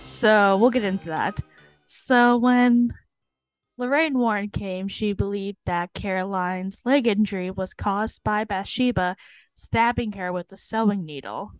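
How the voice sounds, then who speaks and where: A woman's voice: medium pitch, measured pace, clear, resonant tone, no echo. Young woman, co-host, casual storytelling, fillers, swearing, dry room, faint music. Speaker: podcast co-host. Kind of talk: casual chat.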